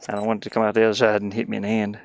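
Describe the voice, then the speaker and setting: This DIY live streamer mutters and wanders through each step of his build as he works, thinking out loud for viewers in a casual chat. His fairly low, gravelly voice is completely flat and racing fast, with no room sound.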